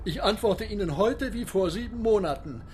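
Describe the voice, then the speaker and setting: An actor playing a proud, embittered submarine captain in a radio drama, speaking in a deliberate, formal and solemn way. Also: male voice, high-pitched, animated, a little mellow, slight background noise. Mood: cold, firm. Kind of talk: German radio drama acting.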